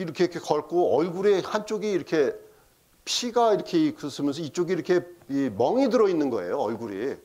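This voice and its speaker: A man's voice: on the high side, darkish tone. A middle-aged man preaching a sermon in a church, telling a story and acting out the voices of the people in it, with English phrases mixed in. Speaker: pastor.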